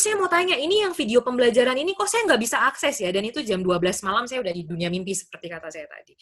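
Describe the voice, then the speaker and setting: A woman's voice: medium pitch, bright, forceful tone. A woman university lecturer giving a webinar talk to teachers, explaining step by step, speaking over a video call. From Indonesia. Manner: explanatory, addresses audience as Bapak Ibu, acts out students' questions.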